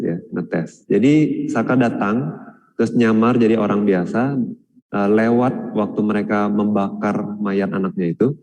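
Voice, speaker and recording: Monk speaking in a reverberant hall. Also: male voice, fairly low pitch, darkish tone. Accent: Indonesian. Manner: storytelling with acted quotes, many fillers. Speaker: Buddhist monk answering questions. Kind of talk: dharma talk Q&A.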